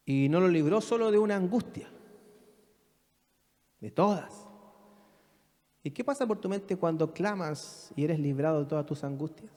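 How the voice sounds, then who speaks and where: A man's voice: fairly high pitch, a little mellow. A man, a pastor preaching a sermon and firing rhetorical questions at his congregation. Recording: long reverb of a church hall.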